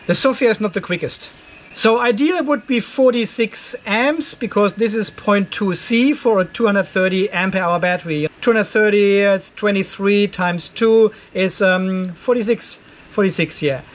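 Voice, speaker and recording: Working in his indoor garage workshop, a man in his fifties who runs an off-grid solar channel demonstrates some tech hands-on. He keeps it casual and conversational, thinking aloud at a moderate pace in a high voice.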